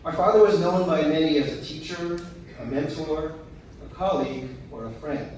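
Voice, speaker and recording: A man delivering a prepared eulogy in a tender, measured way, with deliberate pauses. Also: fairly high pitch, a little mellow. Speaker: son giving a eulogy. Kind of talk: prepared memorial speech. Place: large room at a memorial service. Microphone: picked up from a distance. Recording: very echoey, distant, noisy hall.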